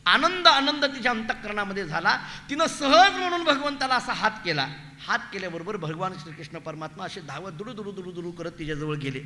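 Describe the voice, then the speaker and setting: High, bright preacher in an echoing hall. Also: male voice, brisk. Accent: Marathi. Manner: animated, acts out voices of the story figures. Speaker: kirtan preacher. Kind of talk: devotional storytelling sermon. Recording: echoey hall with long reverb.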